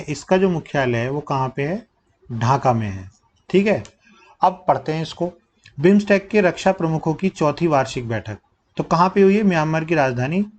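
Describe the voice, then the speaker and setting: A young man teaching current affairs for exam prep, asking questions and answering them himself, dropping low to stress key facts while he writes with a pen. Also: darkish tone, muffled recording.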